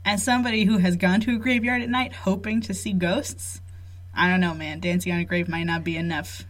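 A woman's voice: lowish voice, steady tone, a little fast. A woman co-hosting a casual, joking podcast, bantering playfully and self-deprecatingly while recording under blankets in a small fort. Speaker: podcast co-host.

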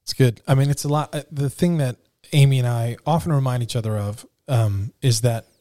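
A man's voice: mid-range voice, brisk, warm tone, no echo. Man, conversational and emphatic, recorded dry. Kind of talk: casual chat.

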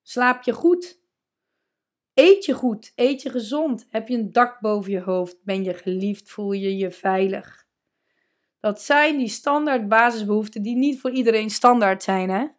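A woman coach hosting a solo podcast, talking casually and emphatically, slowing down to stress her points and dropping in English words. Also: a little high.

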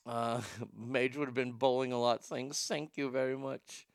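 Here the Texas host, middle-aged and stuttering, speaks a little slowly in a mid-range, gravelly yet clear and resonant voice with fairly even intonation. He reads viewers' comments on his casual show and fires back blunt, profane, rambling answers, chuckling at his own humor. The sound is dry and studio-clean.

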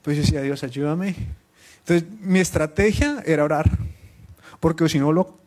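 A man with a fairly high voice delivers a live sermon in a chatty, personal way. He stops often to put questions to the listeners and to trade light jokes with them. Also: moderate pace, darkish tone. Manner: conversational, asks the room direct questions; teasing asides with the audience. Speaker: preacher.

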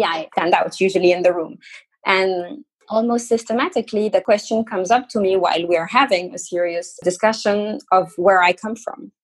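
A woman from France, head of a think tank office, speaking in an earnest, measured way on a panel discussion. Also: lowish voice, husky, rough recording.

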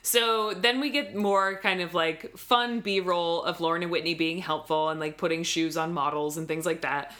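A woman co-hosting a podcast, chatting casually as she recaps a TV episode and acts out quick quotes. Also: on the low side, fairly bright tone. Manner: chatty, narrates scenes with quick quoted asides. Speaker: podcast co-host.

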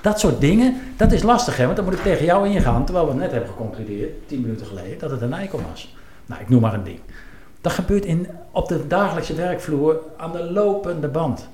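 The former club executive's voice here is fairly high and a little mellow, brisk, with lively intonation. Even so, his conversation remains thoughtful and hesitant, packed with fillers and self-questions, in a roomy recording with faint ambience.

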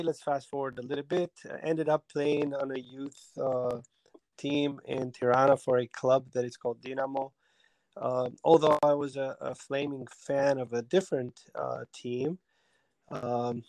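Guy from albania talking soccer, kinda monotone, lots of ums, dry mic. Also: mid-range voice, moderate pace, vocal fry, dry recording, low-quality recording. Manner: hesitant, many ums and restarts. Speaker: soccer technical director, guest. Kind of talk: casual interview talk.

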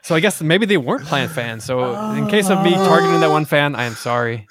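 A man's voice: a little high, lively intonation, a little fast, heavy background noise. A man co-hosting a podcast in casual chat, self-deprecating and laughing as he talks. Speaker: podcast co-host.

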